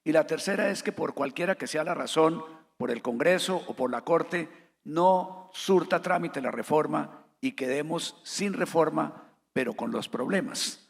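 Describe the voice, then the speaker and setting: Male moderator, somewhat high, methodical, recorded in an echoing conference hall. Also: vocal fry. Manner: measured, structured, sets out options in order. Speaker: panel moderator. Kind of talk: formal panel moderation.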